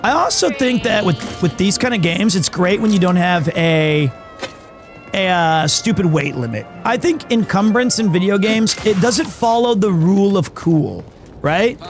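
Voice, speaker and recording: A man's voice: sits high, lively intonation, a little slow, faint music behind. A man chatting casually on a game livestream in a playful, performative way as a streamer. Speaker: streamer and voice actor.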